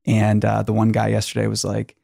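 A man's voice: fairly low pitch, completely flat delivery, brisk, gravelly, dark tone, no room sound. A man hosting a casual podcast in a garage, talking in a rambling, jokey way with dry sarcasm. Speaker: podcast host.

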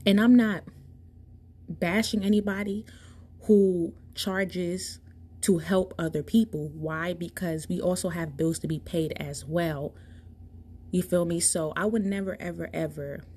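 A woman's voice: fairly low pitch, darkish tone, a little hiss or hum. A woman hosting a podcast, talking in a casual, emphatic monologue straight to her listeners. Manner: emphatic, impassioned, addresses listeners directly. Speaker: podcast host.

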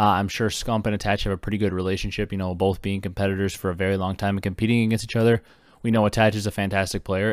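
A young man hosting a podcast, talking fast and excitedly with lots of fillers while he reacts to breaking esports news. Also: lowish voice, no echo, clean studio sound. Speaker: podcast host. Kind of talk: casual esports news commentary.

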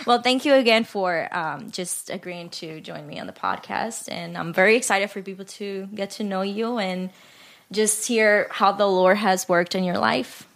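A woman's voice: medium pitch, vocal fry. Upbeat woman hosting a faith podcast. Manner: warm, laughing, encouraging. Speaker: podcast host.

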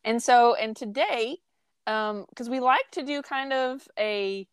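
A woman co-hosting a casual book chat podcast, chatty and excitable, often trailing off mid-sentence. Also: a little high, slow, clean tone, dry recording. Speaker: podcast co-host.

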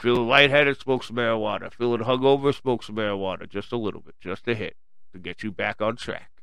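A fairly low, creaky, fairly bright male voice talks fairly quickly, with slight background noise. He's a podcast host from Long Island, New York, with a strong accent, rambling casually and alone to his listeners in a blunt, profane, slangy manner.

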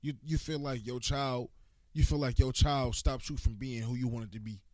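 A man's voice: medium pitch, steady tone, moderate pace, darkish tone, dry recording. A man co-hosting a casual podcast debate, blunt and profane, repeating himself insistently in slangy, bro-heavy talk. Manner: insistent, repeats phrases for emphasis. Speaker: podcast co-host.

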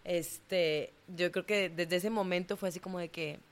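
In an interview, a young ballet company dancer from Monterrey, Mexico recounts a story in a lively, colloquial way, performing the dialogue herself. Her northern Mexican accent comes through in a voice on the low side at a measured pace.

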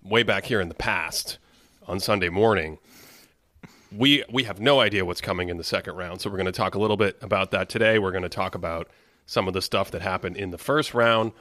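A man hosting a sports podcast, talking in a thoughtful, measured way with some fillers. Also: deep voice, pushed and bright, dry recording, clean studio sound. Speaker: podcast host. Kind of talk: casual chat.

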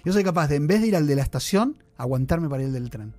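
A man's voice: fairly high pitch, expressive, quick pace, dark tone, dry recording, soft background music. A man co-hosting a casual chat, telling long rambling confessional stories. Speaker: podcast co-host.

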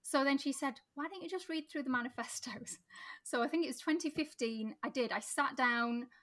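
A woman's voice: sits high, moderate pace, a bit bright. A woman with a Yorkshire accent, a political candidate, talking conversationally in an interview and laughing often. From Sheffield, England. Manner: chatty, laughs often, frequent restarts.

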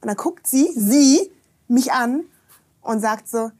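A woman guest on a podcast, chatting casually and telling lively stories that act out what people said. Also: a little high, takes it slowly. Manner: lively storyteller, acts out quoted dialogue, frequent tag questions.

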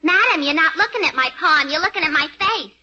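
Brash young comic female: very sharp high voice, affected, muffled 1940s radio sound. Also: lively intonation, a little fast, heavily acted. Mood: indignant. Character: brash, man-hungry, touchy young tavern owner's daughter. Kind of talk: 1940s radio comedy acting. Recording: muffled old radio broadcast, faint noise.

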